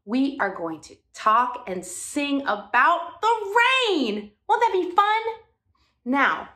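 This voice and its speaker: A woman's voice: sits high, fairly bright tone. A woman teaching a music class for young children, talking in a cheerful, sing-song way and coaxing the kids to join in.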